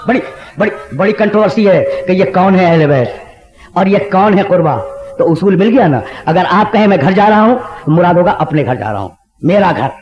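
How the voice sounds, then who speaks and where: A man, a religious scholar, delivering a Muharram sermon to a large outdoor gathering, asking the crowd rhetorical questions and rising to impassioned shouts. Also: high voice, expressive, background noise. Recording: echoey, dull lo-fi 1990s tape of loudspeakers.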